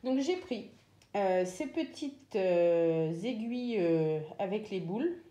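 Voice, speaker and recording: A chatty woman walks through her craft purchases in a relaxed, hesitant way, full of fillers. Her voice is mellow and sits at a middle pitch. The room around her is echoey. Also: takes it slowly. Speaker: craft vlogger. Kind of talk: casual show-and-tell.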